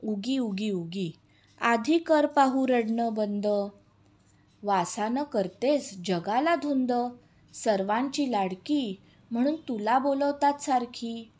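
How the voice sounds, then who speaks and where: A woman reading a children's poem, voicing Panti, a kind female friend who coaxes and soothes in a gentle storybook voice. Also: on the high side, slow. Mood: soothing.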